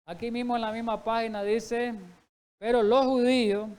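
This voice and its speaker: Male preacher with a high voice, reading verses aloud and explaining them point by point. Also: little pitch movement, moderate pace, a little mellow, clear, resonant tone. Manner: reads scripture aloud, then explains it with rhetorical questions. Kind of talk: Bible study sermon.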